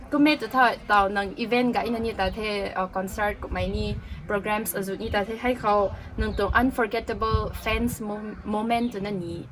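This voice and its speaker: Woman hosting a casual cafe chat. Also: mid-range voice. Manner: mixes in English words, frequent soft "mm" acknowledgements. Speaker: talk show host.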